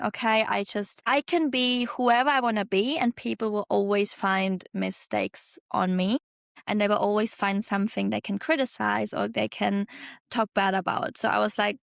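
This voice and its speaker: Young woman with a German accent, podcast guest, talkative, slight fry in the voice. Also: a little high, dry recording, studio quality. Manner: chatty, lots of fillers, laughs easily. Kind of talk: casual interview storytelling.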